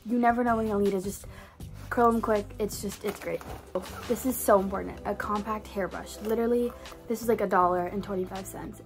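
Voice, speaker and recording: Chatty young woman vlogging from her dorm. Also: mid-range voice. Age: young adult. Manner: chatty, breezy, full of fillers like "um" and "like". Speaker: college student vlogger. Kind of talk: casual vlog talk to camera. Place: small dorm room, indoors. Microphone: phone camera at arm's length.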